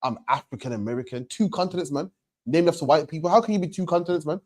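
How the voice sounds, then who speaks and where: A religious teacher with a slightly high, darkish voice talks fast while street preaching to a questioner about faith. He is emphatic, repeats his points, and ends his lines with "man."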